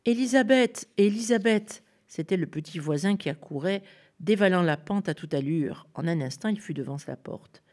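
A woman reading a children's story aloud in a gentle, expressive way. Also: low-pitched, normal speed.

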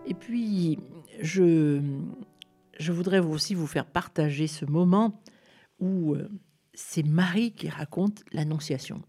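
A woman reading a children's story aloud in a gentle, expressive way. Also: on the low side, slow, husky, soft background music.

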